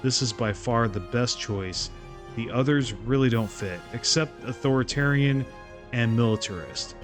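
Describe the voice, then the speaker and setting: A man's voice: medium pitch, measured pace. A man giving a casual, opinionated gameplay guide as a voice-over, explaining his choices informally. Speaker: video game guide host. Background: faint music.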